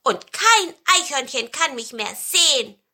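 A woman voicing a small, timid male pine cone in a storybook, speaking in a high, pleading voice. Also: takes it slowly, pushed and bright, full character voice. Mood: pleased. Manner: fearful, pleading, high and squeaky.

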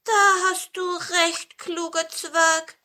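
A woman voicing a small, timid male pine cone in a storybook, speaking in a high, pleading voice. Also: steady tone, slow pace, sharp tone, heavily acted. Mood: pleased. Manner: fearful, pleading, high and squeaky.

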